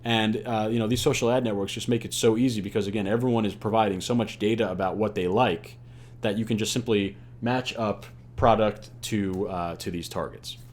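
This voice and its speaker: Lower-voiced man giving a casual lesson. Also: fairly even intonation, brisk. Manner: loose and conversational, heavy on "you know" and "uh" fillers. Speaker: online ads instructor. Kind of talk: casual unscripted lecture.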